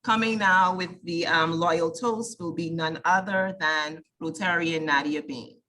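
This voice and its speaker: A woman emceeing a club meeting, introducing each speaker in a smooth, measured way. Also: lowish voice, fairly even intonation, pushed and bright.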